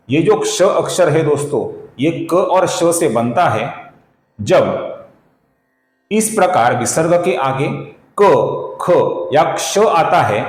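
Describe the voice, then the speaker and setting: Slow, careful male Sanskrit recitation teacher. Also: a little high, reverberant. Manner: slow, careful syllable-by-syllable explanation, chants verses; addresses viewers as friends. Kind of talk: recitation lesson.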